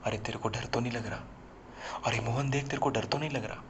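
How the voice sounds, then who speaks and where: A man's voice: medium pitch, fairly quick, slight background noise, close to an everyday voice. A man voicing a playful, mocking young male student who teases his friend, on a slightly muffled recording.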